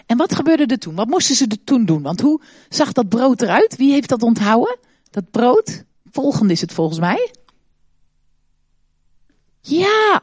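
Een vrouw die in een kerkdienst een interactief kinderpraatje houdt, met veel vragen en uitroepen. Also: female voice, a little high, slightly rough, dry recording, clean studio sound. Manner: asks many questions, animated, exclaims. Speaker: children's talk leader in church service. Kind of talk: interactive children's talk.

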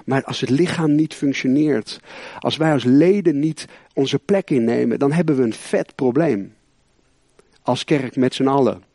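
A man pastor giving a lively sermon, talking with many restarts, repeated words and rambling asides. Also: mid-range voice, a little slow, husky, no echo, studio quality.

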